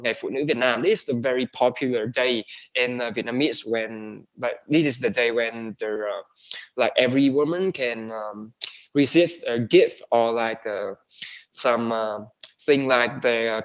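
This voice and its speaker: Guy teaching english pronunciation online, lots of uh and um, mixes in vietnamese, muffled lo-fi audio. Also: mid-range voice. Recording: dull lo-fi recording.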